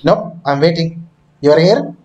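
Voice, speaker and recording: A man's voice: fairly high pitch, moderate pace, a little mellow, dull audio. A man chatting casually with a friend during co-op gameplay. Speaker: gamer.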